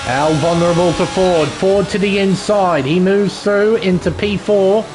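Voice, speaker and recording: Male race commentator, higher-pitched voice, play-by-play motorsport calls over clear engine noise. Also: a little slow. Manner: motorsport commentator calling the action move by move. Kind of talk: live sim racing commentary. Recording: loud vehicle noise behind. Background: racing car engine noise.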